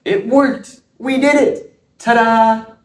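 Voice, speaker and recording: A man voicing a showy young male squirrel magician, calling out in a drawn-out, booming showman delivery. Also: very animated, heavily acted. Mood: excited. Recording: roomy sound from a distance.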